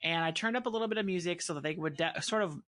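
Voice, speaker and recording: A woman's voice: lowish voice, quick pace, fairly bright tone, no echo. A woman hosting a casual conversation, talking earnestly and emphatically and thinking aloud as she goes. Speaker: podcast host and dog breeder.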